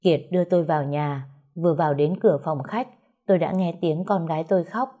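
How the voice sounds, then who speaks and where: A woman's voice: sits low, fairly quick, dark tone. A woman narrating a story in the first person, in a sorrowful, pleading way.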